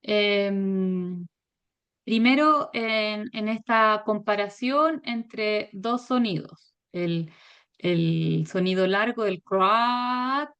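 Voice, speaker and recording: A woman giving a virtual academic lecture, measured and hesitant, with frequent fillers. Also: mid-range voice, smooth. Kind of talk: academic presentation. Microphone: video call.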